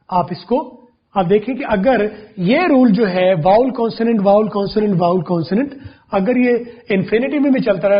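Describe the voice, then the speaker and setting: A man teaching English pronunciation, explaining rules step by step and repeating words slowly to demonstrate them. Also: high-pitched, slightly rough, lo-fi sound. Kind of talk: classroom-style explanation.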